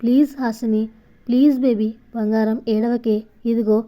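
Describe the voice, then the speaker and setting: A woman's voice: fairly high pitch, steady tone, a little slow, warm tone, natural voice. A woman voicing a devoted young man who pleads earnestly and tenderly with the woman he loves. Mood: soothing.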